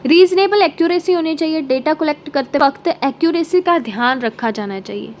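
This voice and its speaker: A woman's voice: sits high, moderate pace, slight background noise. A woman lecturer explaining an exam prep lesson step by step, mixing English terms into her Hindi and checking in often. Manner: explains step by step with frequent "ठीक है" check-ins.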